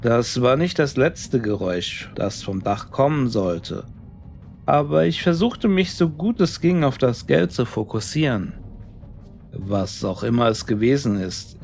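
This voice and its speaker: A man narrating a scripted horror story in a deliberate, suspenseful, dramatic way. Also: mid-range voice, creaky, darkish tone.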